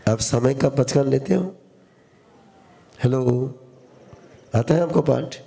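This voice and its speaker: A male spiritual teacher preaching at an unhurried pace, his voice dark and gravelly. He repeats short phrases and puts questions to his listeners, call-and-response style. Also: mid-range voice. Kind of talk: sermon to a live audience.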